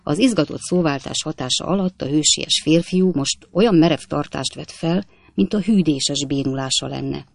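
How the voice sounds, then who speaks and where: A man narrating a classic novel in a measured, literary manner. His voice has a gravelly grain. The recording is dry and close, with no room sound. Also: on the high side, dry recording. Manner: measured, even literary reading. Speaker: audiobook reader.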